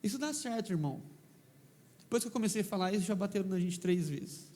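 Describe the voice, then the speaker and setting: Male pastor, São Paulo accent, high-pitched, humorous storyteller, reverberant hall recording. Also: fast talker, a little hiss or hum. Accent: São Paulo Brazilian Portuguese. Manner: humorous, animated, questions the congregation. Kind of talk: lively preaching with stories. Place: church hall.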